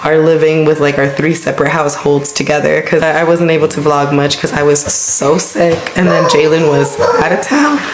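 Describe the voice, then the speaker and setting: A young adult woman chatting casually in a home vlog, her voice somewhat hoarse. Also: low voice, fairly even intonation, moderate pace, hardly any pauses, reverberant, heavy background noise. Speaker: vlogger and mother.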